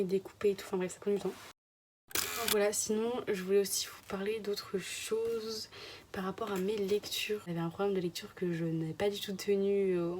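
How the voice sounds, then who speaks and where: A woman's voice: medium pitch, a little mellow, slight background noise. A young woman from France chatting casually to her phone camera in a vlog, rambling and sometimes dropping to a whisper. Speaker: vlogger.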